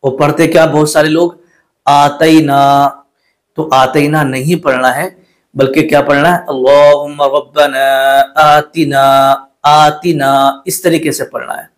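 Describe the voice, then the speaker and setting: A man's voice: a little high, fairly even intonation. Patient man teaching prayer pronunciation. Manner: polite, patient, repeats and corrects pronunciation; recites the Arabic prayer slowly in a melodic chant. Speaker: religious teacher. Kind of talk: religious instruction to camera.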